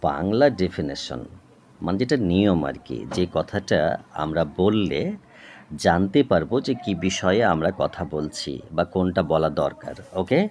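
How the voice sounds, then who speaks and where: A man teaching a lesson at a board, explaining slowly and patiently, spelling out words and often checking with "okay?". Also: low-pitched, animated, darkish tone, slight background noise. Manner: slow, patient, repeats "okay?" to check understanding; spells words out and breaks them into parts. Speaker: tutor.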